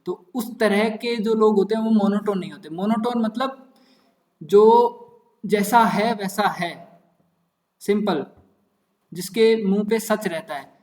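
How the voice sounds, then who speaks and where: High-voiced young man teaching maths. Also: slow pace, pauses often, darkish tone. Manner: repetitive, playful, muttering asides. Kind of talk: casual Hindi-English lecture. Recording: echoey room.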